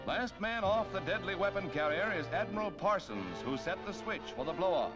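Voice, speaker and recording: An American man delivers scripted 1940s newsreel narration in a dramatic, declamatory style on a period film soundtrack. His voice is high and animated at a normal speed, with loud music behind it, and the audio is dull and band-limited like a 1940s newsreel.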